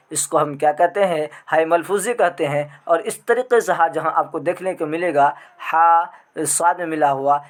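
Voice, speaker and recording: A man teaching an online grammar lesson, asking questions and answering them himself, drawing out the example words. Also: a little high.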